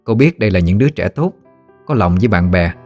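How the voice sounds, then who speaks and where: A man's voice: deep voice, expressive, fast talker, a little mellow, soft background music. Man narrating. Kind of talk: storytelling audiobook narration.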